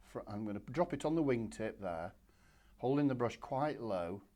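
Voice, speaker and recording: A man, giving a relaxed, chatty step-by-step painting demonstration from his studio. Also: mid-range voice, normal speed. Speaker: watercolour art instructor. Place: home art studio.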